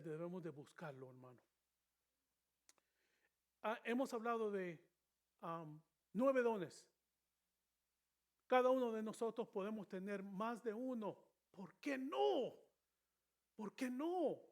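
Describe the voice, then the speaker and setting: A man leading a church Bible study in a preaching style, emphatic, swinging between loud stressed words and quiet asides, and now and then dropping short English phrases into his talk. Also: high-pitched.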